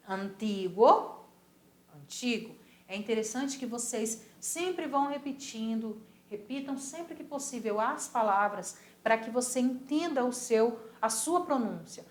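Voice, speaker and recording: Brazilian woman, Spanish teacher, higher voice, patient drills of pronunciation, echoey room. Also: lively intonation. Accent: Brazilian Portuguese. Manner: patient, models pronunciation by repeating words slowly. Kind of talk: recorded school lesson.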